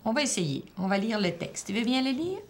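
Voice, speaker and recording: A woman's voice: fairly high pitch, very animated, brisk, slight background noise. A woman teacher, patiently questioning and encouraging a child during a one-on-one reading assessment.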